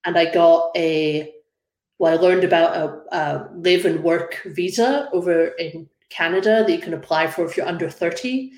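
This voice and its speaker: Low-voiced Scottish woman in an echoey room. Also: normal speed, darkish tone. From Scotland. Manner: chatty, many ums, laughs easily. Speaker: guest graphic designer. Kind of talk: casual interview chat.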